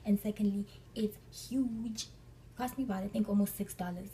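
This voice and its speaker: A woman's voice: mid-range voice, steady tone, normal speed, dark tone, far from the mic, slight background noise, low-quality recording. A young woman from Africa, chatting through a storytime vlog and acting out the people she quotes. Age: young adult. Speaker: vlogger.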